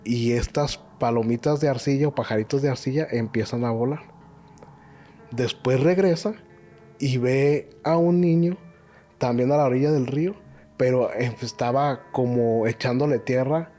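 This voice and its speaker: A man with a soft, mellow tone talks casually on a podcast, retelling a story in halting, stop-and-start phrases. Faint music plays underneath. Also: mid-range voice. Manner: hesitant, many restarts and filler words. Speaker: podcast co-host. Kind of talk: casual chat, retelling stories.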